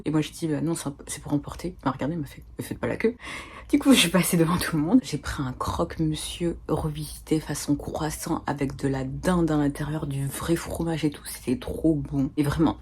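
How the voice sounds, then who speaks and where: A woman with a French accent speaks in a low voice with a darkish tone, chatting casually to camera like a travel vlogger telling her viewers a rambling story. There's slight background noise.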